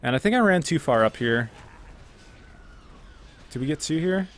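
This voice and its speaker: A young man with a fairly high-pitched voice chats about his own gameplay footage at normal speed. The commentary is casual and relaxed, sprinkled with fillers and self-corrections.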